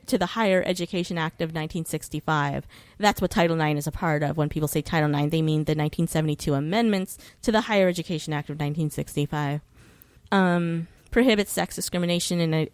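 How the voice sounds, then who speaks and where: On a podcast, a woman gives a casual, conversational rundown of legal issues, cursing occasionally and pausing uncertainly to recall details. Her voice is on the low side, with no room sound.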